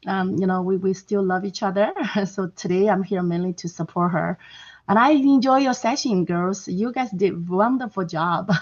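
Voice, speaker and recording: A woman financial advisor joining a video call, hoarse from losing her voice, chatting warmly and laughing between sentences. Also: medium pitch. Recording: dull lo-fi call audio.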